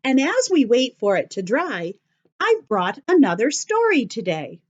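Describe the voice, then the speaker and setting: This children's teacher has a fairly high, sing-song voice and speaks a little slowly, giving simple step-by-step instructions and encouraging questions during craft and story time. The sound is lo-fi.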